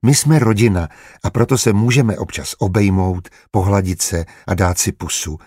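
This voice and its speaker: A man voicing a calm, motherly sister in an audiobook, speaking gently but firmly. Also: lowish voice, breathy edge, no room sound, clean studio sound. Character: caring, motherly adult sister, calm and firm.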